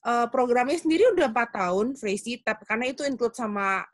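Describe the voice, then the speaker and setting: A woman with a higher, lively voice speaks quickly in a dry setting with no room sound. She moderates a webinar and works in recruitment, reading out questions and explaining fees step by step in a matter-of-fact way.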